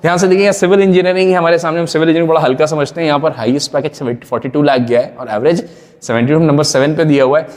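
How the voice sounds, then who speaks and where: A man's voice: on the high side, steady tone, very fast, a little mellow, long reverb tail. A man who teaches at a coaching center, explaining admissions data to students in Hindi mixed with English. He keeps checking in with the audience. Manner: repeated check-ins to the audience; mixes English words into Hindi.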